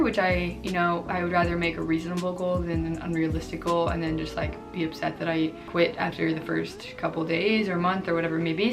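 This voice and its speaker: A woman in her twenties chatting casually to the camera in a rambling, self-deprecating way. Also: medium pitch. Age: 20s. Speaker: vlogger. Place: apartment in New York. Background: background music.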